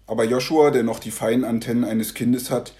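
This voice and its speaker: A man narrating a devotional story in a calm, measured way. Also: medium pitch.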